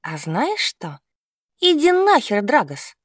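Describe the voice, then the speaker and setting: A scornful young woman, as a male reader puts her on, lifts her voice high and swings it widely as she mocks. Her sarcasm cuts through every reply. The sound is close and dry, as in an audiobook booth. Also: sing-song, normal speed, no echo. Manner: mocking, scornful. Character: sharp-tongued sarcastic young human woman.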